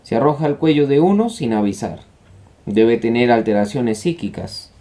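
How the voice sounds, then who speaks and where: A male reader playing a skeptical officer who speaks dryly and calmly. The voice is low and warm, as in a storybook read aloud. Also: normal speed, close to an everyday voice. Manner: calm, dry.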